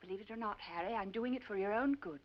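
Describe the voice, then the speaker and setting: An actress in a 1950s film playing a flighty, affected upper-class wife with a breathy, gushing manner. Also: female voice, medium pitch, fast talker, lightly acted. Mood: mock confession. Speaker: film character. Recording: dull old film soundtrack with music.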